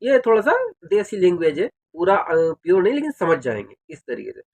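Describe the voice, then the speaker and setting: A man's voice: on the high side, huge pitch swings, brisk, vocal fry, a little mellow, slightly rough. A man casually explaining things to his viewers, often adding "theek hai" and addressing them directly. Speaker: video creator giving advice on working in Saudi Arabia.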